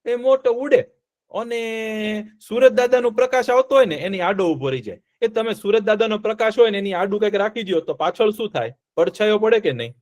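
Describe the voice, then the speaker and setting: A high-pitched man tells a story to a group of children. He keeps stopping to ask them questions and then repeats the answers in a playful, lively way. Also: a little fast. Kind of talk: interactive storytelling lesson for children.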